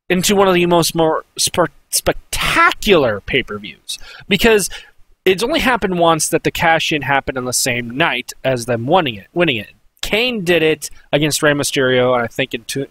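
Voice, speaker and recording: Excitable young-sounding man reviewing wrestling. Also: on the high side. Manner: excitable, swears, many fillers and restarts.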